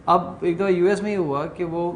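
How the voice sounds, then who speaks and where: The middle-aged workshop leader speaks in a high, steady voice over a little hiss or hum. Chatting casually, he switches into English now and then, sharing anecdotes at his own expense and voicing the characters in them.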